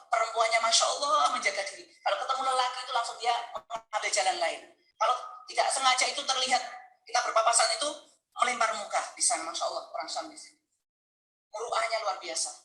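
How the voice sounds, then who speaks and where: A man preaching a sermon, telling a story with deep emotion and speaking straight to his listeners. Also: animated, quick pace, pushed and bright, reverberant, a little hiss or hum, low-quality recording. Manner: emotional, earnest storytelling, addresses listeners directly. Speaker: Islamic preacher. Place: mosque hall.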